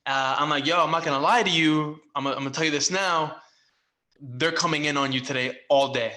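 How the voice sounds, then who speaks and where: Animated young man telling sports stories. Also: a little high, a little fast. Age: young adult. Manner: animated, acts out quotes loudly. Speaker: podcast co-host, former baseball player. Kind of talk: casual storytelling chat. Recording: echoey room.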